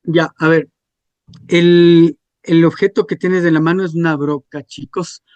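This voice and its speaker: A man's voice: fairly high pitch, level tone, a little slow, a little mellow, no echo, muffled recording. A man, teaching a class and checking in with students through frequent questions. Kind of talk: classroom lecture.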